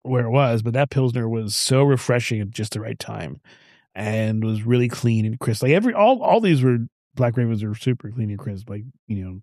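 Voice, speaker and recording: A man's voice: medium pitch, expressive, moderate pace, darkish tone, no echo. A man co-hosting a casual beer podcast talks through his rankings in a loose, rambling way, starting sentences over as he thinks. His voice sits in a middle range. The sound is dry and close. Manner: chatty, rambling with restarts. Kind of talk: casual chat.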